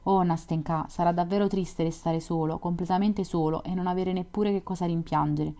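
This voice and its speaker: A woman's voice: fairly low pitch, fairly even intonation, moderate pace, mellow, close to an everyday voice. A woman reading the part of a lonely, romantic young man in a read-aloud story, with a wistful, earnest delivery. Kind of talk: audiobook reading.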